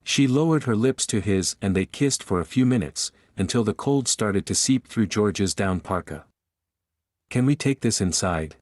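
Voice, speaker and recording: A man narrating an audiobook romance in a steady storytelling delivery. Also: fairly low pitch, moderate pace, hardly any pauses, dry recording, clean studio sound. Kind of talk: scripted narration.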